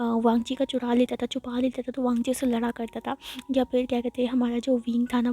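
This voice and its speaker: A woman's voice: a little high, mellow, dry recording. A woman casually retelling a fan-fiction love story in a chatty way, full of fillers. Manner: chatty, with frequent fillers and restarts.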